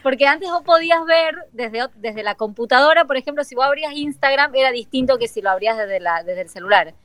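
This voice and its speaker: A young woman from Tucumán with a Tucumán accent, a guest telling stories in a lively, informal chat. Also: high-pitched, a little fast, dry recording. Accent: Tucumán Argentine Spanish. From Tucumán, Argentina. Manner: chatty storyteller, lively and informal. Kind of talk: casual chat.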